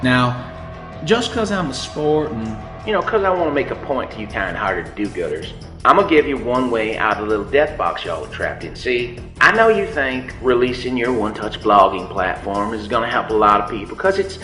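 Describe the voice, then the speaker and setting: A man's voice: mid-range voice, expressive, normal speed, pushed and bright. An actor playing a smug scheming villain who taunts his captives with theatrical menace in a comedy sketch. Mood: gloating. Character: smug scheming villain man, folksy drawl. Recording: echoey room with music bed.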